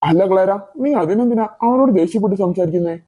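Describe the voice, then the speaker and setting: A self-important boy who leads the school, voiced by a man in a cartoon. His voice is very dark and mellow, and he talks fast and demanding. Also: sits high, dull audio. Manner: assertive, demanding. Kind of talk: cartoon voice acting.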